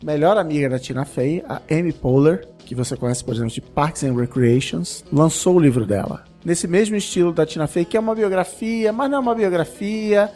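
Chatty man, lightly raised pitch. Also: brisk, few pauses, warm tone, faint music behind. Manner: chatty, enthusiastic storyteller. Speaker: podcast panelist. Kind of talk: casual chat.

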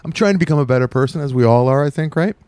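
A man's voice: fairly high pitch, lively intonation, very fast, darkish tone, no room sound. A man telling a rambling story in a casual podcast chat, wry and drawn out. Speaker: podcast host.

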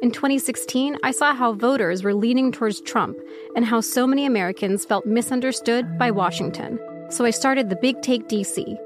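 A woman reading a scripted promo for her news podcast in a crisp, polished way. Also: a little high, moderate pace, over music. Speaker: podcast host in an ad.

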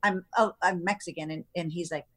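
Woman telling a lively personal story. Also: lowish voice, a little fast. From United States. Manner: animated storytelling with acted-out quotes. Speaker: guest. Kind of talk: casual chat.

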